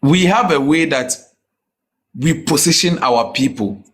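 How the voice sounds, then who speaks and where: A man with a Ghanaian West African accent speaks in a fairly high voice. He talks casually but with emphasis, as a guest making his case in a conversation. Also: a little slow, fairly bright tone. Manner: emphatic, often checks the listener understands; mixes English with a Ghanaian language. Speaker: comedian, podcast guest. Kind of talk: casual interview talk.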